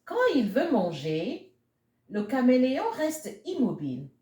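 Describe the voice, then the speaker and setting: A woman reads a picture book aloud to young children, calling her listeners friends, in a high-leaning, very animated, mellow voice at an unhurried pace. She is a children's storybook reader, and the sound is roomy and echoey.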